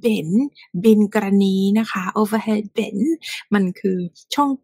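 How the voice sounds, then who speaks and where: A woman's voice: mid-range voice, steady tone, extremely slow, creaky, a little mellow, husky, no echo. A woman teaching English pronunciation, repeating phrases over and over, often half-whispered, and teasing her students directly.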